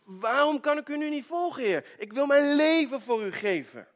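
A man's voice: extremely high pitch, animated, moderate pace, fairly bright tone, pitched above the performer's own voice. A preacher voicing the apostle Peter as an impulsive grown man who pleads and stammers his denials in a raised, urgent voice. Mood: pleading.

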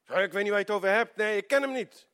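A man's voice: extremely high pitch, expressive, normal speed, fairly bright tone, pitched above the performer's own voice. A preacher voicing the apostle Peter as an impulsive grown man who pleads and stammers his denials in a raised, urgent voice. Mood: flustered.

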